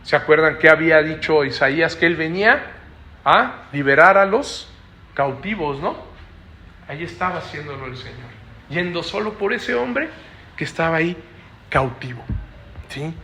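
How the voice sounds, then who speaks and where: Male preacher, high bright voice, teaching style with frequent rhetorical tags. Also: lively intonation, moderate pace, pauses often, slight background noise. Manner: explanatory, asks listeners frequent rhetorical checks. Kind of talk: Bible study preaching.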